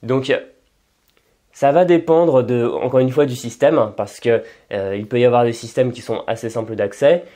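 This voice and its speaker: A man's voice: mid-range voice, moderate pace, warm tone. A man hosting a language-learning channel, explaining casually and thinking aloud with many hesitations and restarts. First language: French. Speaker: language-learning video host. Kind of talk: informal explanatory talk.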